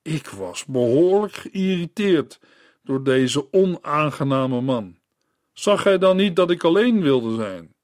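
A man narrating a story in a radio Bible broadcast, reading in a measured, earnest way and turning to the listener. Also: fairly high pitch, animated, darkish tone, no room sound, studio quality.

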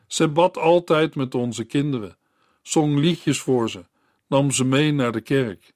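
A man's voice: medium pitch, takes it slowly, darkish tone, no room sound, studio quality, natural voice. A man voicing a desperate, grieving widower who has been drinking, asking broken, pleading questions.

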